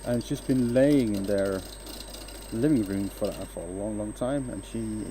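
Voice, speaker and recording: A man with a fairly low voice speaks a little slowly over background noise. Born in Denmark, he's hosting a woodturning livestream at the lathe in his home workshop. He makes loose, hesitant conversation with viewers as he works, full of fillers and restarts.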